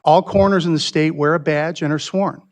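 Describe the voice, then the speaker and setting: A man's voice: a little high, steady tone, a little fast, a little mellow. A man, the sitting coroner running again, giving a friendly, chatty campaign statement at a public forum and speaking straight to the audience. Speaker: county coroner candidate.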